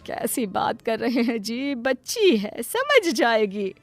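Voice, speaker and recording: A woman voicing a doting, long-suffering middle-aged mother in a cartoon story. She talks in a plaintive, pleading, soft-hearted way. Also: on the high side, sing-song, slow, faint music behind, full character voice. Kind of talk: Hindi cartoon voice acting.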